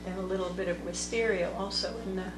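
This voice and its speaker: A woman teaching watercolor, thinking aloud slowly as she paints at a table. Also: lowish voice, steady tone. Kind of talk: unscripted painting tutorial narration. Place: indoor table workspace. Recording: echoey room with background music. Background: soft instrumental music.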